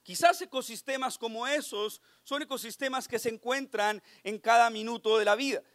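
A man preaching a Sunday sermon, mixing jokes and anecdotes in a lively storytelling manner. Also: very high voice, moderate pace, no echo. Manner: lively storyteller, slips into character voices.

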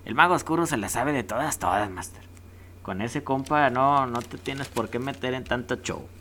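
A man's voice: medium pitch, normal speed, fairly bright tone, slight background noise. A man with a Mexican accent hosting a casual countdown vlog, rowdy and jokey with heavy slang. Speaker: host.

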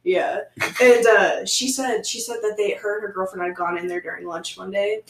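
A woman co-hosting a casual podcast, chatting and gossiping in a relaxed way. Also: mid-range voice, moderate pace, distant mic. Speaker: podcast co-host. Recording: echoey room, a bit off mic.

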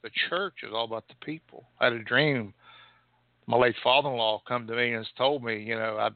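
A male pastor preaching a sermon, rising and falling sharply in pitch and loudness. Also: fairly even intonation, fairly quick, no echo. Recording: tinny phone-like sound.

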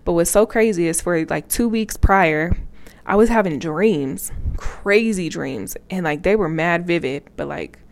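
A woman's voice: fairly low pitch, a little slow. A woman in her twenties telling a personal story to camera in a blunt, profane, laughing way. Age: 20s. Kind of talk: casual storytime vlog.

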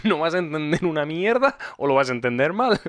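A man with a Castilian Spanish accent chats casually as a show co-host. His delivery is animated and swings around in pitch, with an irreverent, crude streak. The sound is close and dry. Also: fairly quick, no room sound. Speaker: co-host of a film talk show. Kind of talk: casual banter.

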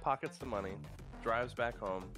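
A man's voice: mid-range voice, normal speed, fairly bright tone, faint music behind. A man co-hosting a podcast, telling stories in a rambling, profane way with many fillers. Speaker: podcast co-host. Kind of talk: casual podcast chat.

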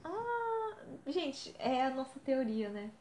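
A woman's voice: high voice, big pitch swings, slow, a little mellow. A young woman co-hosting a podcast, chatting casually and exclaiming often. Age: young adult. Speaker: podcast co-host. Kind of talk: casual chat. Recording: echoey room, faint background noise.

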